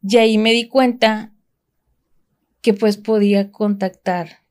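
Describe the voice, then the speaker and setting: Woman from Mexico, podcast guest, casual storytelling, rambling, restarts and fillers, mid-pitched voice. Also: steady tone, slow, darkish tone.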